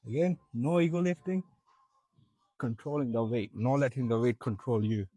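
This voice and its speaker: A young man walks viewers through a back workout in a gym, breathing hard between sets and explaining each move as he goes. His voice is husky and breathy, with a mid-range pitch. The sound is close and dry, with little room echo. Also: moderate pace, mellow. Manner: instructive, coaching viewers step by step. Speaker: fitness vlogger. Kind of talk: casual gym walkthrough.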